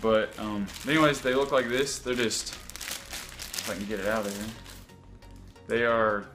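A man's voice: lowish voice, fairly even intonation, a little slow, over music. Rambling young man vlogging casually. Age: young adult. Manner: rambling, unsure asides. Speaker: YouTube vlogger. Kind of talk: casual chat to camera. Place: home kitchen.

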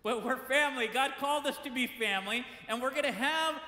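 A man delivers a chatty sermon in a church sanctuary, slipping into the voices of the people he quotes. His voice sits high and sounds bright and forceful. The room rings with a long, echoing reverb. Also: fairly quick. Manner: conversational, acts out quoted complaints. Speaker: preacher.

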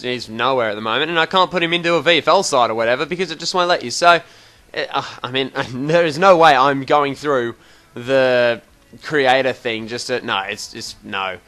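A man's voice: mid-range voice, sharp tone. A young Australian man giving a rambling, casual walkthrough of a game menu, chatty and mildly exasperated. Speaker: gaming video host. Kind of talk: casual game tutorial commentary.

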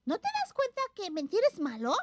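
A woman voicing Ramona, a kind and cheerful young girl puppet who gives gentle, motherly advice to her friends. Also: extremely high pitch, huge pitch swings, fairly quick, full character voice. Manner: warm, motherly advice-giving, sings and laughs. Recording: noisy background hiss.

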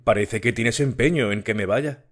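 A man's voice: mid-range voice, moderate pace, lightly acted. A man reading a curt, evasive young suitor. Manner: curt, dismissive. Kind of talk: audiobook character reading.

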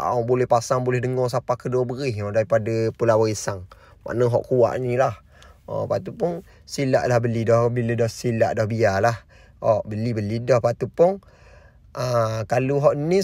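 A man's voice: mid-range voice, darkish tone, no room sound. A man narrating his camping vlog in a rambling, casual way, often stringing thoughts together with "and then". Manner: rambling, repeats "lepas tu pun" often. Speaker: vlogger.

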